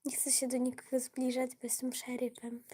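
A woman livestreaming games chats with her viewers in a high, husky, dark-toned voice that's completely flat and moderately paced. A cold roughens her voice, she often drops into a whisper while playing, and she gets flustered easily when she loses.

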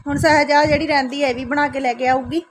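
A woman's voice: sits high, fairly even intonation, fast talker, a little hiss or hum. A woman from Punjab in her thirties, a mother chatting casually to her family vlog audience and often tagging "isn't it" onto her sentences. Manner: chatty, keeps adding "isn't it" tags.

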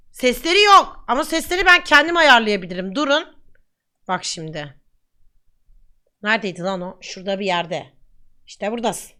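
A woman's voice: medium pitch, pushed and bright. A woman streamer chatting playfully and giggling often during a casual live stream.

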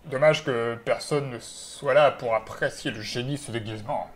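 A man voicing a boastful male villain in a game, slow and pompous, who talks about himself in the third person. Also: medium pitch, lightly acted. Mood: smug. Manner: slow, pompous, self-satisfied delivery.

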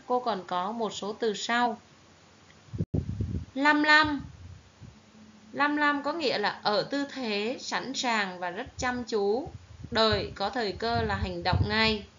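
Slow-spoken Vietnamese woman teacher, lo-fi. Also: a little high. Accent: Southern Vietnamese. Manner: slow, careful, clearly enunciated teaching delivery. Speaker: primary school teacher. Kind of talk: recorded online reading lesson for children. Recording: dull lo-fi recording with faint hiss.

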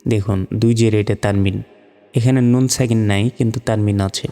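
A patient man leads a step-by-step spelling lesson, breaking words into syllables and stretching them out. His voice is low, mellow and fairly even in pitch. It rings with a long reverb over faint music. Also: a little fast. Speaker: Quran reading teacher.

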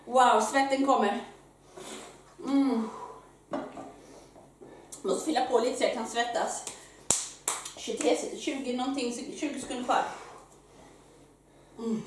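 A high-pitched woman coach who is out of breath as she leads a workout alongside her viewers, with lots of loud, energetic exclamations. The mic sits far from her in a very echoey room, and there is faint noise underneath. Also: pauses often. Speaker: fitness coach. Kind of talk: live workout instruction.

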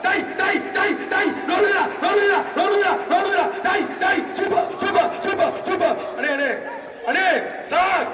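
A man calling a bull-taming event through a public-address loudspeaker, excited and shouting repeated short cries. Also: very high-pitched, normal speed, heavy background noise. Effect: heard through a public-address loudspeaker. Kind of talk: live commentary over loudspeaker. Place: open-air arena with a large crowd. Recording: echoing loudspeaker from far off over crowd.

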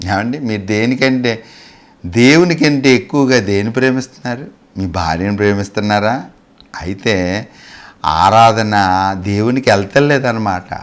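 A male preacher, preaching a sermon as animated storytelling, asking the congregation rhetorical questions and acting out the characters' dialogue. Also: fairly low pitch, normal speed, pauses often. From Andhra Pradesh, India.

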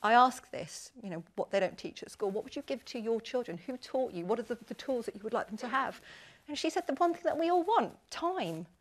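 A woman in her forties, a podcast host speaking on a panel at an industry event, talking earnestly and with animated emphasis. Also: fairly high pitch, brisk. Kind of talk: candid panel discussion.

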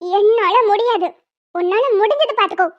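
A young woman dance teacher from a cartoon, acted by a woman, earnest and defiant. Her voice sits very high. The recording is dull and lo-fi. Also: moderate pace. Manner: pleading, earnest. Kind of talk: cartoon voice dubbing.

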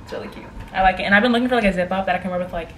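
Young adult American woman, casual vlogger, mid-pitched, chatty and rambling, recorded indoors on a noisy camera. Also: very fast, fairly bright tone. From Maryland, United States. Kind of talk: casual day-in-the-life vlog chat to camera. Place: rooms at home, indoors. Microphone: camera at arm's length or propped nearby. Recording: clearly noisy home camera audio.

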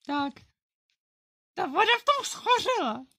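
A woman's voice: very high voice, big pitch swings, sharp tone, full character voice. A young female performer voicing a flustered female unicorn pony in a home-made toy play, babbling to herself as she fumbles through chores. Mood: muddled. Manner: scattered, babbling, self-talking.

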